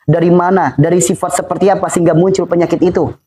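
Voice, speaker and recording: A man with a Sundanese lilt delivers a faith-based health talk to an audience. His voice sits fairly high, and he hammers his points home with questions he repeats again and again. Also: level tone, quick pace, dark tone, slight background noise, rough recording. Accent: Sundanese-accented Indonesian. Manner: fires repeated rhetorical questions at the crowd; emphatic and repetitive, drilling points home. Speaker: religious health speaker.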